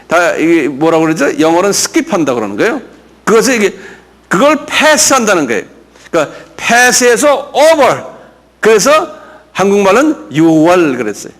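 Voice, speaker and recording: Male pastor-teacher, high and animated, unhurried, quizzes the room and drills pronunciation. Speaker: pastor teaching a Bible class. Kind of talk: classroom lecture with audience questions.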